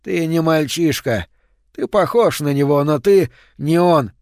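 A man voicing an unshaven, exhausted, half-mad man who speaks in a slow, hoarse, menacing drawl. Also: fairly high pitch, darkish tone, dry recording, studio quality, pitched above the performer's own voice.

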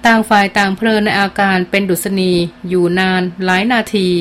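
A woman with a mid-range voice, working as an audiobook narrator, reads a novel from a script in a measured, expressive storytelling manner.

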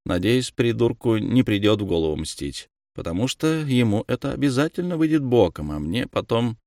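A man narrating an audiobook in the first person, calm and measured. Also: medium pitch, no echo, studio quality.

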